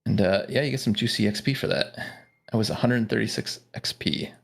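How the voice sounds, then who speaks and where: A man running a tabletop game as game master, explaining rules in a relaxed way with many fillers. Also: fairly low pitch, fast talker, vocal fry.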